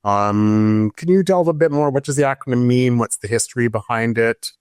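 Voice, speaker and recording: A man co-hosting a podcast, asking a guest questions in a curious, relaxed way. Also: mid-range voice, moderate pace, clean tone, no echo, clean studio sound. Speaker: podcast co-host. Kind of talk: casual podcast interview.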